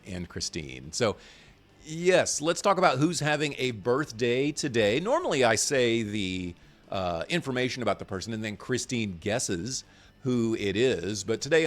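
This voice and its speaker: A man's voice: medium pitch, fairly bright tone. A man co-hosting a crypto news stream in a casual, rambling and self-deprecating way, with lots of fillers. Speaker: co-host of a crypto news show. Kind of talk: casual livestream chat.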